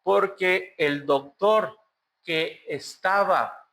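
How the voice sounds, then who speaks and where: A man's voice: high-pitched, extremely slow, creaky, a bit bright. A man with a Mexican Spanish accent preaching a sermon, telling a story and acting out the voices of the people in it. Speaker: pastor. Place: church.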